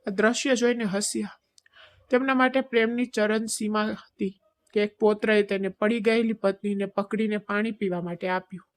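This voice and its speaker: A woman narrates an emotional family story in a soft, even storytelling voice. Her pitch sits in a middle range and stays quietly measured.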